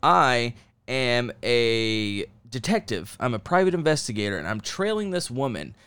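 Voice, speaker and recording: Man retelling a slick fake private eye, casual, smooth voice, dry sound. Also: mid-range voice, very animated, a little slow, fairly bright tone, no room sound. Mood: scheming. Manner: casual, offhand, profane. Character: smooth-talking adult man posing as a detective.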